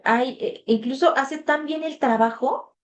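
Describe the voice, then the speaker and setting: A woman's voice: sits high, measured pace, slight background noise. A woman tutor, talking casually to her class over a video call, with frequent fillers. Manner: conversational, reads the chat aloud, filler "este". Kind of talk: online class session.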